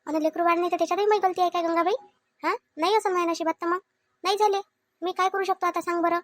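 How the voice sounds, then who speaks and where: A woman's voice: very high voice, steady tone, rapid-fire, dry recording. A woman voicing a meek, childless widowed aunt who pleads her case, with a Vidarbha Marathi accent, in a cartoon comedy. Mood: pleading. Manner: pleading, self-defending.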